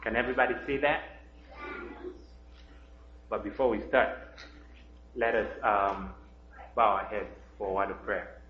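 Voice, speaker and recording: A man from Kenya, telling a story during a children's sermon, gently, with many "uh" fillers and questions to the kids. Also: fairly low pitch, fairly even intonation, measured pace, long pauses, a little hiss or hum. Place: church sanctuary. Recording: dull roomy church recording.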